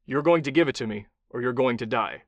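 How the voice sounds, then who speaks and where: A man voicing a ruthless male interrogator who speaks in a flat, matter-of-fact way, for an audiobook. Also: medium pitch, fast talker, dry recording, close to an everyday voice. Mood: cold menace. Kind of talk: audiobook character voice.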